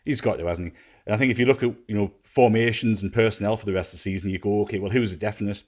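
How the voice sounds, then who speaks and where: Lower-voiced man in casual football chat. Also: racing, darkish tone. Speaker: podcast panellist.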